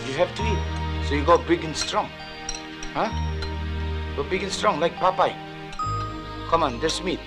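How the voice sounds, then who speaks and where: An actor playing a supportive partner in a film drama, gently coaxing a young boy to eat. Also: fairly high pitch, a little slow, pauses often, over music, lightly acted.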